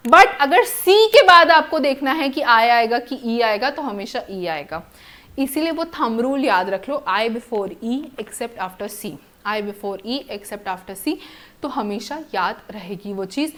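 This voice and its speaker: A woman teacher giving an exam-prep lecture, mixing Hindi explanation with English terms and slowing down to repeat rules and examples. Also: a little high, expressive, fairly bright tone.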